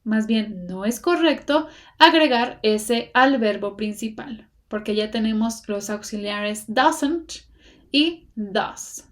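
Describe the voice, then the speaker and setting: A woman teaching an English grammar lesson in Spanish, explaining step by step in a patient way and pronouncing the example sentences slowly and carefully. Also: on the high side, lively intonation.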